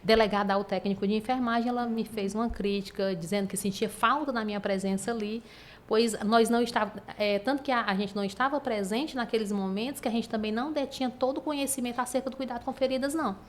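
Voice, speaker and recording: A woman nurse, telling her career story in an interview in a calm, smooth, measured way. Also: on the high side. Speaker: stomatherapy nurse guest.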